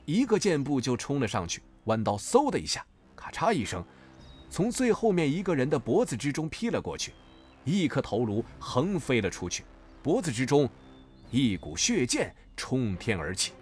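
A man's voice: medium pitch, husky. A man narrating a martial story dramatically, rising in the action scenes.

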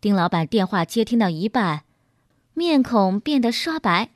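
A woman narrating a scripted story in a lively, expressive way. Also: medium pitch, moderate pace, dry recording, clean studio sound.

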